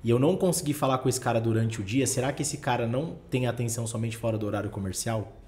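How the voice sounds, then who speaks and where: A man's voice: mid-range voice, fast, darkish tone. A man hosting a podcast, giving practical advice in a coaching tone and stacking rhetorical questions. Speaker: podcast host. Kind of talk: casual podcast chat.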